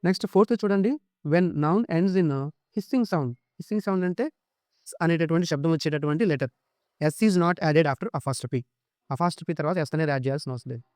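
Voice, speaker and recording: Telugu-accented male grammar tutor, crisp tone, switches to slow deliberate English for rules. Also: on the high side, darkish tone, no room sound, studio quality. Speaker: English teacher. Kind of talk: exam-prep grammar lesson.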